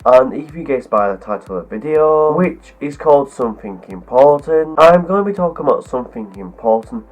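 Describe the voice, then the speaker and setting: In a tinny, narrow-sounding clip, a video host with a cold rambles through a scripted explanation to camera, one clause running into another. His mid-range voice, lowered by the illness, has lively intonation. He speaks fairly quickly with few pauses.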